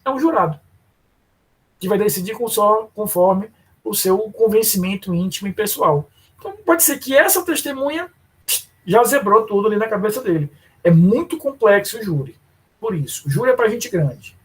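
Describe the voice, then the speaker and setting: A man's voice: high-pitched, lively intonation, moderate pace, husky. A man teaching law in a lecture, explaining step by step and calling on students by name. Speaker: law professor. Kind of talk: live online lecture.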